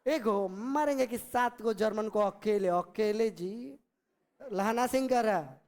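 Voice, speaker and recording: A man's voice: high voice, a little slow, darkish tone. An impatient Sikh soldier itching for battle swears he will take on the enemy alone, voiced by a man reading aloud in class. His Hindi has a Bhojpuri accent. He delivers the lines in an eager dialogue style. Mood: eager boastful. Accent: Bhojpuri-influenced Hindi.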